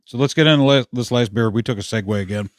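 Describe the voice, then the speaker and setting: A man's voice: medium pitch, fast, dry recording, clean studio sound. Fired-up profane man. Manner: heated, profane, emphatic ranting. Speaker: podcast host. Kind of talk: casual beer-tasting chat.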